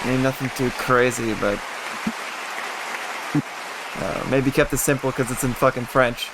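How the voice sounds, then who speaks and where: A man's voice: mid-range voice, fairly even intonation, unhurried, over a noisy crowd. Offhand male podcast co-host, noisy room. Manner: offhand, joking, swears. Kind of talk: casual chat, live translating a clip.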